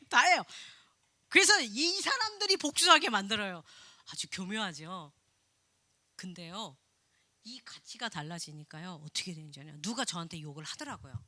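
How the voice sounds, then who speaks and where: Lively, bright-voiced woman preaching. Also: mid-range voice. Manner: lively and expressive, acting out quoted voices, laughing often. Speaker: pastor's wife preaching. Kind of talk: sermon. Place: church sanctuary.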